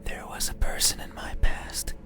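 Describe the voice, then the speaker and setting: A performer voicing a lonely, eerie demon that yearns to be seen, in a halting, earnest whispered role-play. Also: close to an everyday voice. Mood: brooding, longing. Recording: whisper over loud music.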